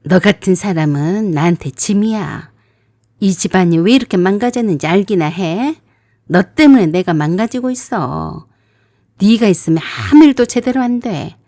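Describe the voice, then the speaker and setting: Give me a woman playing a belligerent drunken husband, scolding in a mellow tone. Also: mid-range voice, lively intonation, unhurried, no echo, studio quality. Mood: contemptuous. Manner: scolding, barking questions. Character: drunken abusive middle-aged husband, belligerent.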